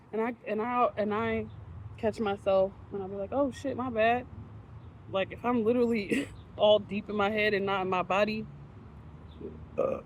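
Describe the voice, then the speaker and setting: A woman talks straight to the camera between bites of food, swearing freely and laughing at her own rants. Her voice sits at an ordinary middle pitch. Faint outdoor noise hums behind her. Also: a little mellow, muffled recording. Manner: frank, profane and laughing rant. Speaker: vlogger. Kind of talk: casual chat to camera while eating.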